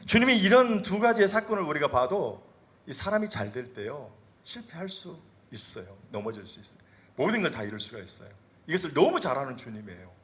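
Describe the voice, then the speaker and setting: A middle-aged male senior pastor preaching a sermon in a church. He swings between loud, rising exhortation and low, quiet asides, asks the congregation questions and acts out voices from the Bible. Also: sing-song, fairly quick. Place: church sanctuary.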